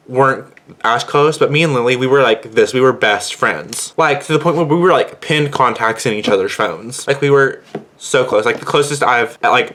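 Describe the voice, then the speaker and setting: A man's voice: medium pitch, fairly bright tone. A teenage boy telling a storytime vlog, rambling, indignant, with constant fillers. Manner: rambling, heavy use of "like". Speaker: vlogger.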